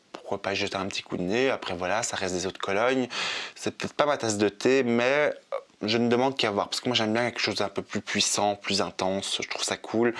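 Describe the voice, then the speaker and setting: Guy vlogging about perfume, lowish voice, rambly and casual, lots of fillers. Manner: chatty, laid-back, full of fillers and restarts. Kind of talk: casual chat.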